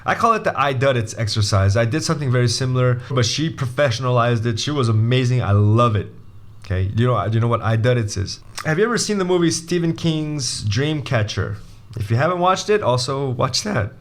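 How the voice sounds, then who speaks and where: A young Brazilian man, working as an MBA admissions coach, delivers a casual video lesson with a brisk, mid-range voice. He's animated and full of jokes, frequently starting his sentences over.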